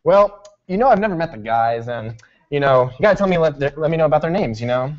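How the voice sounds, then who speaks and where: A man's voice: fairly high pitch, expressive, fast talker, lightly acted. A young man playing a flustered, baffled man asking a coach about his players' names, in a comedy skit, on a dull lo-fi recording. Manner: exasperated, insistent questioning.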